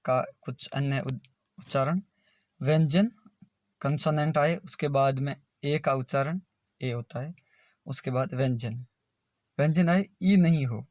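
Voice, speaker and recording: Male pronunciation tutor, fairly high voice, very slow and deliberate, spells each word out before saying it. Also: a little mellow, no room sound, studio quality. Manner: spells words letter by letter, then says them slowly. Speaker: English pronunciation teacher.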